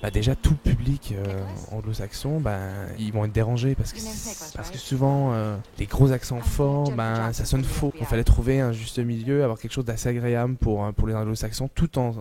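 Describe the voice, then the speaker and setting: A man, an actor talking in a relaxed, slangy interview manner. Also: medium pitch, moderate pace, few pauses, crowd noise.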